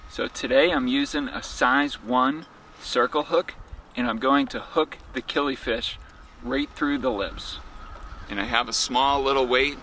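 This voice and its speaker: A man's voice: mid-range voice, bright, forceful tone, a little hiss or hum, rough recording. A man in his thirties presenting an outdoor fishing how-to as a guide. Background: background music.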